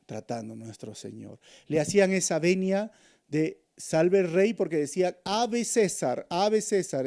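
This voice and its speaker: A man preaching a Bible study sermon, swinging between loud emphatic bursts and hushed low phrases, calling listeners brothers. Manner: addresses listeners as brothers, acts out crowd shouts. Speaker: pastor.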